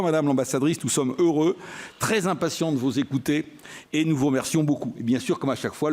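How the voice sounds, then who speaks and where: Male moderator, animated and chatty, formal welcome. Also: medium pitch. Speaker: conference moderator.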